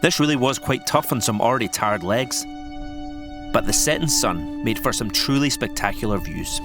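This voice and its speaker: A Scottish man in his forties reads a scripted voice-over in a calm, measured way. His voice sits in a middle pitch, and clear music plays underneath. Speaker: narrator.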